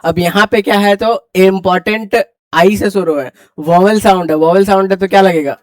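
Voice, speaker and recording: Brisk high-voiced male classroom teacher. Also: steady tone, no echo. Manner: brisk, quizzing students and urging them to hurry. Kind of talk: classroom grammar lecture.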